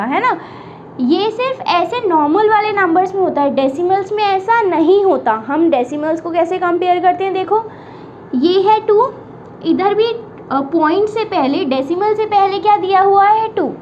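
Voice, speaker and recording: A woman with a very high voice walks students through a maths lesson one step at a time. She keeps checking that they follow along. The sound is a little dull, with a faint hiss behind it. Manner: explains step by step with frequent checks like "है ना" and "ठीक है". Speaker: maths teacher.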